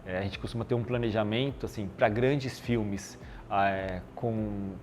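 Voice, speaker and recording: Speaking unhurriedly in a lowish voice, a Brazilian Portuguese-accented man describes his work in marketing as a podcast guest. He's relaxed and explanatory, leaning on plenty of fillers, and there's a little background noise.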